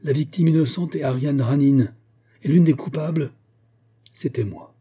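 A man's voice: a little high, moderate pace, mellow, husky, voice pushed up. A man voicing a remorseful, indignant young noblewoman in an audiobook, pleading earnestly. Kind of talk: audiobook character voice.

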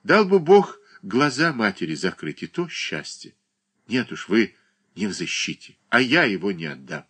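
A man's voice: fairly low pitch, very animated, moderate pace, a bit bright, breathy edge, heavily acted. A man reading an audiobook voices an older grieving mother who pleads and laments. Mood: pleading. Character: grieving older mother, clinging, pious, tearful.

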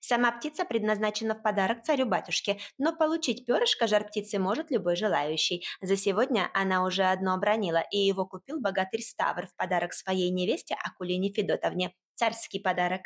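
A woman voicing a pushy, excitable peasant girl reporter in an audiobook, talking fast and bossily. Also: medium pitch, lightly acted. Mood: salesy.

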